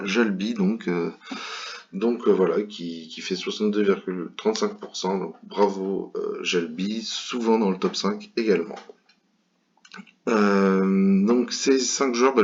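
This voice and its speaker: Man from France, deep voice, hesitant casual commentator of bridge games, muffled home mic. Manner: hesitant, many fillers and restarts.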